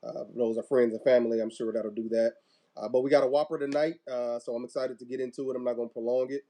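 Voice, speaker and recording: A man hosting an online church talk show, chatting casually over a video call with relaxed, rambling talk and many fillers. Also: medium pitch, quick pace. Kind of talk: casual live-stream chat.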